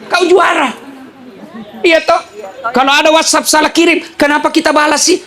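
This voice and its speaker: A man's voice: very high-pitched, flat delivery, fairly quick, a loud crowd, heavy background noise. A man preaching a humorous sermon with a Makassar Indonesian accent, joking and acting out dialogue in changed voices.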